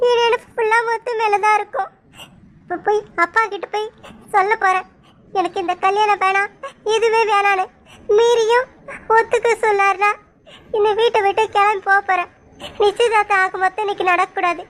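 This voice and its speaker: A woman doing a very high tearful young woman. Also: steady tone, brisk, long pauses, a bit bright. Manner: pleading, tearful.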